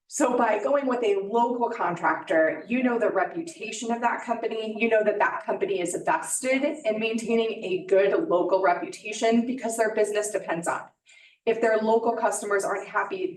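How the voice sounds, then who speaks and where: American woman doing a local public service announcement, plain-spoken, mid pitch, sounds roomy and a bit far from the mic. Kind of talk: informal public advisory, semi-scripted explanation. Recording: roomy, echoey, distant microphone.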